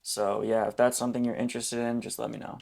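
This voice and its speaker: A young man with a dry throat, making casual, friendly cold calls to pitch his videography business, a little hesitant. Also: level tone, fast talker, creaky, darkish tone. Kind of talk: casual phone sales calls and commentary.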